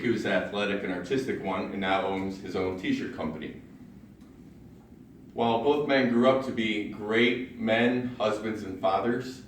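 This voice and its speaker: At a public speaking club in a large library meeting room, a deep-voiced young man from Ohio, USA, gives a prepared personal speech full of self-deprecating jokes and stories that land on punchlines. He was recorded from far away in a very echoey room, with a little hiss or hum.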